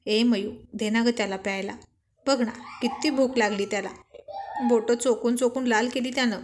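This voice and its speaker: Woman reading as a cheeky young husband teasing his wife, kinda high voice, storybook. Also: fairly even intonation, normal speed, a little hiss or hum, natural voice. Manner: teasing, jokey.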